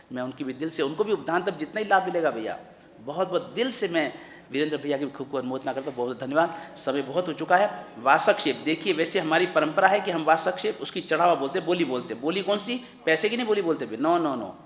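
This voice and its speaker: Fervent monk in an echoing hall. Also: male voice, a little high, fairly bright tone. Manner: fervent, repetitive, calls listeners "bhaiya". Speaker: Jain monk leading a congregation. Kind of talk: religious address to a congregation. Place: large temple hall. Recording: echoey hall with long reverb.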